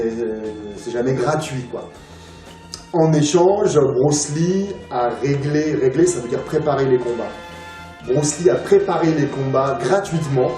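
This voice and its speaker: A man with a mellow, mid-range voice is a guest on a casual interview, talking as a film collector. He rambles, full of filler sounds and restarts, picked up by a distant mic in a roomy space with music behind him.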